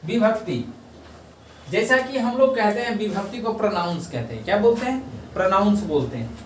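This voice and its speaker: A man's voice: sits high, animated, normal speed, slight background noise. A man teaching a grammar lesson who drills the class, repeating terms and asking then answering his own questions. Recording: echoey room, mic at a distance.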